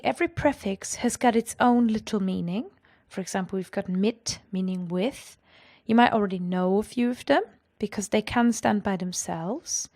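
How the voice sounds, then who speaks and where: Clear, enthusiastic explanation marks this language lesson, given by a woman with a mid-range voice. She pronounces German example sentences carefully.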